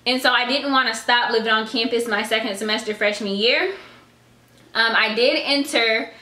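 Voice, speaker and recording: A woman's voice: fairly high pitch, moderate pace, bright, forceful tone, echoey room. A pregnant woman in her twenties, chatting casually on her vlog and giving advice, a little out of breath, saying "y'all" and "girl". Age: 20s.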